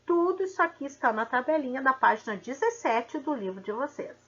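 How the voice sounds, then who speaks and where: A woman teaching a literature lesson, spelling out poetic syllables slowly and checking in with the class. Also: high-pitched, animated, fairly bright tone, lo-fi sound. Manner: slow, drawn-out syllable counting with frequent "tá?".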